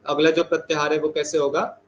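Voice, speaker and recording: A man teaching a Sanskrit class online, saying each sutra slowly and repeating it for his students. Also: fairly high pitch, flat delivery, lo-fi sound, a little hiss or hum.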